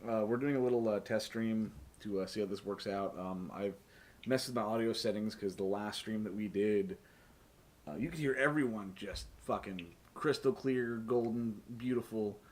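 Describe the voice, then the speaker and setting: A man serves as game master on a tabletop game stream, keeping things casual and jokey with lots of swearing and frequent laughter. His voice is lowish and a little mellow, at a normal speed.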